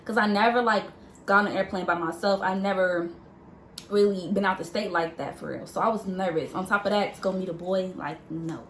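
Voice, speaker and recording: A woman's voice: mid-range voice, brisk, fairly bright tone. A young woman tells her side of the story in a candid, teasing, casual way. Her voice rings in a roomy space, with a faint hiss behind it. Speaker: vlog co-host.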